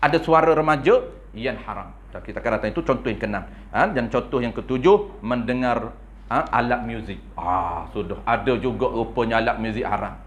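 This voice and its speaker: A man with a Malaysian Malay accent giving a religious lecture in a prayer hall, animated and playful, often tagging his points with a questioning "ha?". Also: mid-range voice, a little fast. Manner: playful, acts out little scenes. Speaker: religious teacher.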